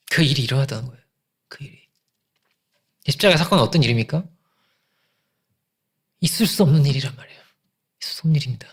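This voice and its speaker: A man's voice: on the high side, gravelly, husky. A middle-aged male pastor preaching a sermon with emphatic repetition and rhetorical questions.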